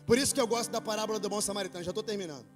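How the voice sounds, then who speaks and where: A Brazilian man preaches a sermon with a high, ringing voice. He tells a story in a low, hushed way and then builds to loud shouted preaching. The sound carries a long hall reverb with faint music underneath. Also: very fast. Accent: Brazilian Portuguese. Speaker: pastor. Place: church hall with worship band.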